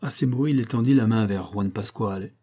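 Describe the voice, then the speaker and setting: Warm, husky male audiobook narrator. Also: on the low side, brisk. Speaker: audiobook reader. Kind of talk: scripted narration of a classic novel.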